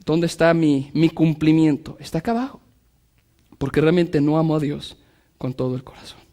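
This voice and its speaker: Male pastor, high-pitched voice, preaching to a congregation with slow emphatic lines and quick asides. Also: dark tone. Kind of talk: sermon.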